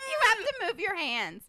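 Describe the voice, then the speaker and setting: A woman's voice: fairly high pitch, heavy background noise. A woman who is a returning guest on a live stream, chatting casually in a giggly, playful way. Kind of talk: casual chat.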